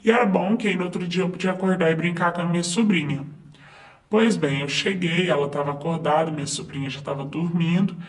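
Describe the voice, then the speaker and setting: A man's voice: sits high, fairly quick. A man narrating a first-person story in a conversational way, with fillers and asides to the listener.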